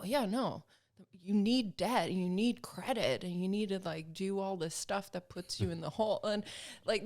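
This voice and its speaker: Low, gravelly-voiced woman guest chatting. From Sweden, grew up in Alabama. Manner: reflective, thinking aloud with frequent fillers. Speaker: podcast guest, film producer and motorcyclist. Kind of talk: casual conversational interview.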